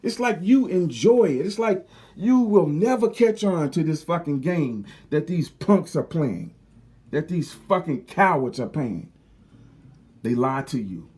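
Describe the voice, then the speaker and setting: A man's voice: fairly high pitch, sing-song, measured pace, warm tone. Fired-up man on a profane rant. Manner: heated, profane, preachy, repetitive. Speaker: video commentator. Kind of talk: angry rant to camera.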